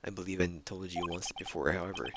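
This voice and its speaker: A man voicing a polite, cold-blooded male assassin in a game, measured and courteous, with low pitch over game music. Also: fairly even intonation, background noise. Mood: menacing calm. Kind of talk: reading game dialogue aloud.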